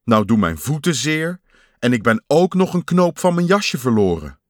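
A man's voice: mid-range voice, big pitch swings, dry recording, clean studio sound, pitched above the performer's own voice, lightly acted. Man voicing grumpy storybook creature Pat. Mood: grumbling. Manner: complaining, slow insistent emphasis. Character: fussy grumbling male creature, button lost. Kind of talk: storybook voice acting.

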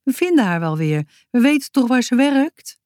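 A woman voicing a calm, matter-of-fact girl in a children's audiobook. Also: fairly high pitch, moderate pace, dry recording, studio quality, pitched above the performer's own voice.

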